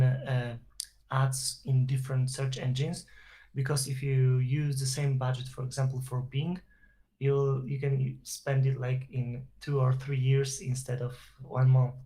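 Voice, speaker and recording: Warm in tone and flat in delivery, this man's medium-pitched voice moves at a measured pace. He's an SEO professional from Poland with a Polish accent, appearing as a guest on an online interview over a video call and explaining at length with fillers and restarts.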